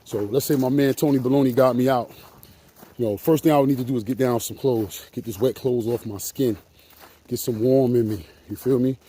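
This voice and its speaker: A man's voice: medium pitch, a little fast, dark tone, husky. A man vlogging outdoors in winter, talking in a slangy, chatty way and a little out of breath. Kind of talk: casual outdoor vlog. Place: outdoors on a frozen lake in winter.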